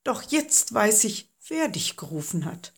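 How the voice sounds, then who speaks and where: A woman reads the part of a patient old temple priest in a storybook, answering in a steady, even way. The voice is slow, husky and lively in its melody. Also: mid-range voice, exaggerated voice.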